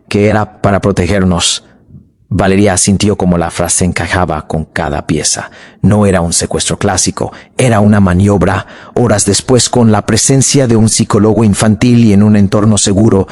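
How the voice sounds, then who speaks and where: A man narrating a fictional crime story in a calm, measured documentary style. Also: fairly low pitch. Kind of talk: scripted true-crime narration.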